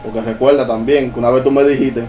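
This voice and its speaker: A man in casual chat telling a paranormal experience in lively storytelling. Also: medium pitch, quick pace. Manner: animated, acts out his own dialogue. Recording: distant mic with faint music.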